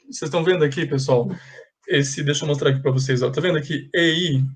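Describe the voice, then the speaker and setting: A man's voice: a little high, fast. A man teaching an English class online, patiently correcting exercises step by step and slipping in English phrases.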